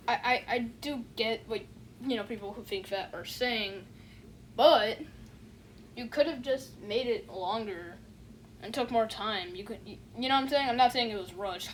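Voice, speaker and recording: Medium pitch, a little hiss or hum, and a rough recording mark this clip of an online reviewer. She drifts through a casual, unimpressed review packed with fillers, repeatedly tossing in "you know what I'm saying."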